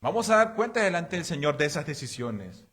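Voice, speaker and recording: A man preaching a sermon, moving between loud emphatic passages and hushed confessional storytelling. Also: on the high side, very animated, a little fast. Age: adult father of three.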